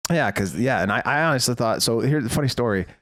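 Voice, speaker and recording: A man's voice: mid-range voice, fast, dry recording, clean studio sound. A man co-hosting a podcast, swearing freely as he tells anecdotes in casual chat. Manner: animated retelling, swears freely. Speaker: podcast co-host.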